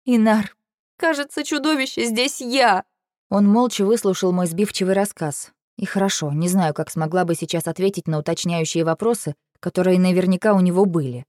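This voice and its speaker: A woman's voice: lowish voice, steady tone, fairly quick, few pauses, mellow, no room sound, clean studio sound. A woman reading a first-person audiobook in an emotional, tearful manner. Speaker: audiobook reader.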